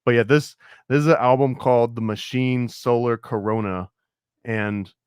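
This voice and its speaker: A man's voice: mid-range voice, steady tone, normal speed, a little mellow, clean tone, no room sound. Chatty man with a dry, close voice. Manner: rambling, chatty, laughs often, filled with "like". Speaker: podcast co-host. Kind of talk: casual podcast chat.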